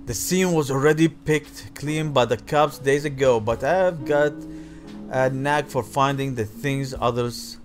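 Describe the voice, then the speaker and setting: An unhurried man with a mid-range voice hosts a gaming video, reading visual novel text aloud with theatrical emphasis. He occasionally stumbles and tosses in offhand remarks, with game music behind him.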